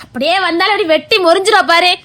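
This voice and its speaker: An actress playing a bossy, motherly elder sister-in-law, speaking with a Tirunelveli accent in a brisk, scolding way. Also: very high voice, bright, forceful tone. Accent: Tirunelveli Tamil. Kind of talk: web series acting.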